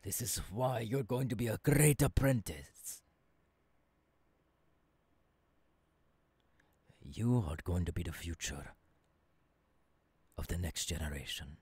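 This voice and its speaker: A man playing an earnest visionary professor mentoring an apprentice in an ASMR roleplay, halting and breathy, close to the microphone. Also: sits low, a little mellow, no echo, exaggerated voice. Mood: reassuring, fervent. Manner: slow, deliberate, halting phrases dropping into whispers. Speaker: voice actor. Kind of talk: ASMR audio roleplay, intimate second-person monologue. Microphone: close microphone, dry.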